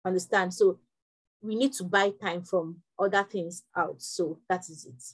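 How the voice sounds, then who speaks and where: A young woman from Nigeria leading an online workshop class over a video call, talking quickly with frequent restarts. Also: lowish voice, fairly even intonation, husky, low-quality recording. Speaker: workshop instructor.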